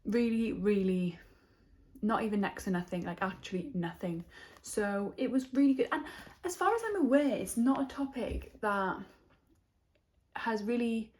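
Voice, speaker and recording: A woman's voice: mid-range voice, moderate pace, a little mellow. A young woman from Wales giving a chatty, thoughtful book review in a casual reading vlog, often trailing off and restarting her thoughts. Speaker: book vlogger.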